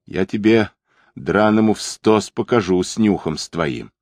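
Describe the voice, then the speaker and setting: A man voicing a surly, quick-tempered young male partisan who talks roughly, in an audiobook. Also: on the low side, expressive, a little mellow, no room sound. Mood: angry. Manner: rough, snapping.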